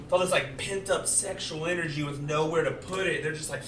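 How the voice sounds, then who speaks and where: A young man from Houston performing a stand-up comedy set, rambling loosely and acting out dialogue with big jumps in loudness. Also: a little high, fairly quick. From Houston, Texas. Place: comedy club stage with live audience. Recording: roomy club sound, mic heard from a distance, crowd laughter.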